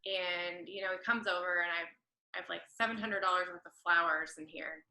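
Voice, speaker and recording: Lady in her 30s rambling thru a story, super bright voice, kinda echoey room. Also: fairly low pitch, fairly even intonation, fairly quick. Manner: chatty, rambling, self-correcting. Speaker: podcast guest, florist and creative director. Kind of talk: casual storytelling interview.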